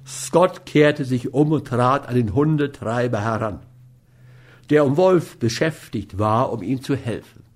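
Slow-reading male audiobook narrator. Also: medium pitch. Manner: slow, measured.

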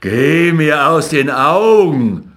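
A man voicing a surly, bitter old male coffin maker with slow, growled outbursts. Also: mid-range voice, lively intonation. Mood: furious.

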